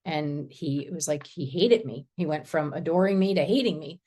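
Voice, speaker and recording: A woman's voice: low-pitched, dark tone. Earnest woman sharing faith testimony. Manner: earnest, halting, laughs often. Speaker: faith group participant. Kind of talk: personal testimony in group discussion.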